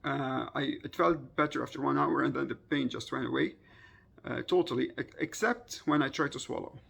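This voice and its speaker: Man, around 30, low-pitched and very creaky, telling a personal story informally, haltingly. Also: a bit bright. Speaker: vlogger recounting a personal experience.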